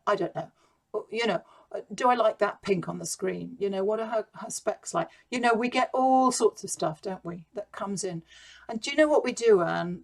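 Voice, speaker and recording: A woman leading a mindfulness session over a video call, gently encouraging and speaking directly to participants by name. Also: mid-range voice. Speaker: mindfulness teacher. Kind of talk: guided mindfulness talk to online conference.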